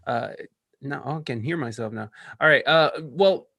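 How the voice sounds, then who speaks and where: A man in his thirties, a podcaster who is a guest on a call, talking in a rambling, energetic way with stammered restarts. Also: mid-range voice, moderate pace, vocal fry, no room sound, studio quality. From California. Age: 30s. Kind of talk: casual interview chat. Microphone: podcast microphone.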